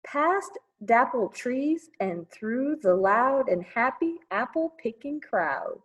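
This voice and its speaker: Reading a picture book at children's storytime, a woman speaks slowly in a fairly high, singsong voice, expressive and full of chatty asides for young kids. Audio quality is poor.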